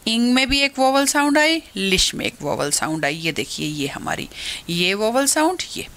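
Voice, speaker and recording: A woman teacher giving a lecture, slowly explaining step by step and repeating example words. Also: fairly high pitch, big pitch swings, a bit bright.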